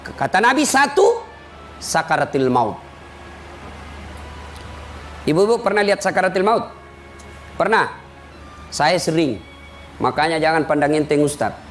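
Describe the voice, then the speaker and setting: A man giving a sermon, telling lively stories and teasing his listeners. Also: fairly high pitch, a little slow, pauses often, faint music behind. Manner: lively storytelling, teasing the audience. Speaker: preacher.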